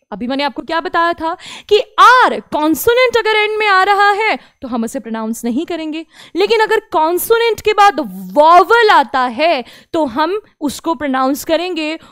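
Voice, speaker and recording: A woman teaching French to children in an online class. She repeats each word slowly and speaks to the children directly. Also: very high-pitched, animated, fairly bright tone, no echo, clean studio sound. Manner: slow, drawn-out repetition of each word.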